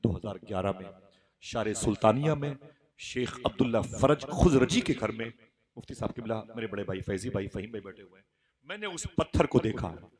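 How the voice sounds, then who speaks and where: A middle-aged man giving an emotional devotional sermon, telling a story dramatically and moving between hushed grief and raised fervor. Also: on the low side, a little fast. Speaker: Islamic preacher.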